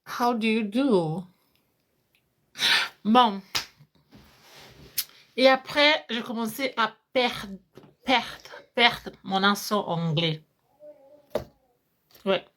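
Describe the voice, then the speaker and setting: Slow-talking woman livestreaming from home. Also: a little high, a bit bright. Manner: switches between English and French, repeats words, laughs often. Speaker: livestream host. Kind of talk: casual livestream chat. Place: home, at night.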